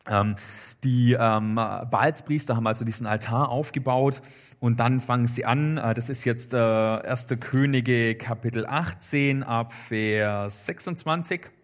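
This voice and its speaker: A man preaching a sermon, retelling a Bible story in a casual, lively storytelling way with frequent fillers. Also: medium pitch, unhurried.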